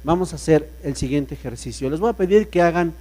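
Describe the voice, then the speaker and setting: A man's voice: animated, fast, warm tone. A man giving a playful public speaking workshop, joking and swinging his voice around to demonstrate. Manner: playful, jokey, swings pitch and volume to demonstrate. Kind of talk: lively workshop lecture with voice demonstrations. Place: workshop room with an audience.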